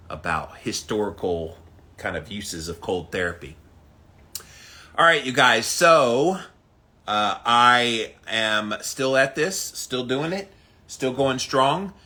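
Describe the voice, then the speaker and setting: Forceful, low-pitched man on a livestream. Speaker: host of a daily ice bath challenge livestream. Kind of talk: casual livestream chat, greeting viewers by name.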